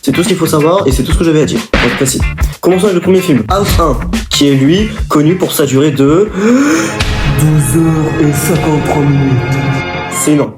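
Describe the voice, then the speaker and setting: A man's voice: fairly high pitch, fast. A man hosting an improvised video on film genres, rambling with fillers and self-corrections. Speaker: video host. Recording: echoey room with music behind.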